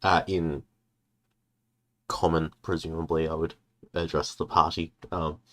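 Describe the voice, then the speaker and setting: Low-voiced man musing in character. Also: little pitch movement. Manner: musing, halting, with frequent fillers. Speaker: player. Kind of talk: in-character tabletop roleplay.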